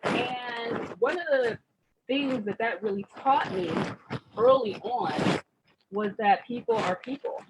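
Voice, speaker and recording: A woman's voice: a little high, slow. A woman who grew up in Germany as a military child, hosting a casual spiritual chat in an affirming manner and repeating phrases for emphasis. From grew up in Germany as an American military child. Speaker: host leading a vision board party. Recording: noisy background hiss.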